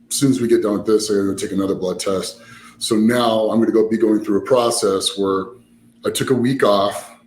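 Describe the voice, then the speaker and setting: A man's voice: fairly low pitch, a little mellow. A man chatting casually about his own experiences in a rambling, explanatory way. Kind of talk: casual conversational storytelling. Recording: roomy echo, background noise.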